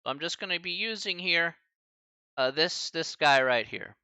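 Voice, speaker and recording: A man in his forties explains algebra in a live-streamed class, his voice swinging widely up and down as he talks. His tone is bright and crisp, close to a dry, dead mic. He breaks off to banter with the chat and laughs easily. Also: fairly high pitch, normal speed, no echo, lo-fi sound. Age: 40s. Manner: lively, chatty asides to chat, laughs often. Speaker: college math instructor. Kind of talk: live-streamed math lecture.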